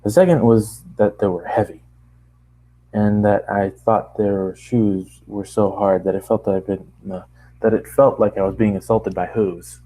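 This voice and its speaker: A man's voice: on the low side, steady tone, a little slow, mellow, low-quality recording. A man casually reading a first-person story aloud, often stopping for asides and restarting lines. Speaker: narrator reading a fan story.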